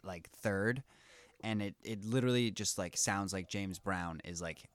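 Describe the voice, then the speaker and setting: A man's voice: low voice, unhurried. A man co-hosting a podcast in casual chat, easygoing and full of fillers, often trailing off. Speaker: podcast co-host.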